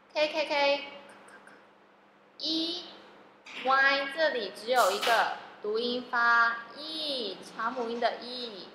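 Slow, echoey woman teaching phonics. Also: sits high, sharp tone, a little hiss or hum. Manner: slow, drawn-out sounding of words, repeating each one. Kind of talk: classroom phonics lesson. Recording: echoey room with long reverb.

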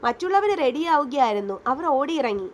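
High-voiced woman narrating a story. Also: big pitch swings, normal speed.

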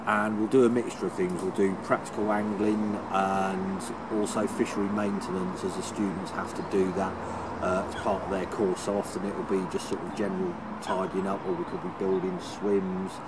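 A man, chatting casually to camera about his fishing trips. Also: fairly low pitch. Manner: chatty, relaxed updates with fishing terms. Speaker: angling vlogger and teacher. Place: outdoors by a lake. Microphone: camera mic at arm's length. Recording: outdoor noise behind voice.

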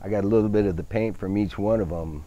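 Low easygoing middle-aged man outdoors. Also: fast, mellow, highs cut off. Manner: easygoing, many fillers, technical car talk. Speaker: van owner. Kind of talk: casual interview. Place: outdoor grassy show field.

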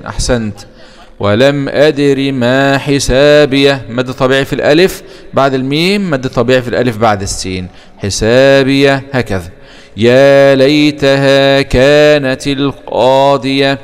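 A man with an Egyptian Arabic accent teaching Quran recitation rules, posing questions and answering them himself, and chanting the verses slowly. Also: mid-range voice, clear, resonant tone, long reverb tail.

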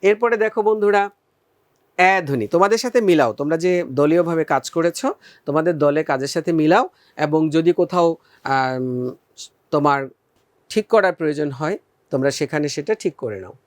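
Male teacher, fairly high voice, patient, asks then answers himself, dry close sound. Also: no room sound. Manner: patient, addresses students as friends, asks and answers own questions; demonstrates vowel sounds slowly. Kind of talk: recorded video lesson.

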